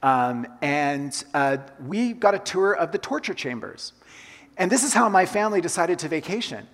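A man's voice: high voice, big pitch swings, normal speed, fairly bright tone. A pastor who grew up in Colombia gives a conversational sermon, repeating his key phrases for emphasis. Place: church sanctuary. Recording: long hall reverb.

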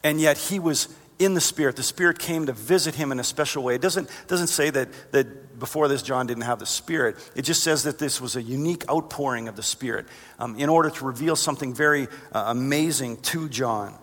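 Male pastor, mid-pitched, earnest sermon delivery, long hall reverb. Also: a little fast, a bit bright. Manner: earnest, rises in pitch for emphasis. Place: church sanctuary.

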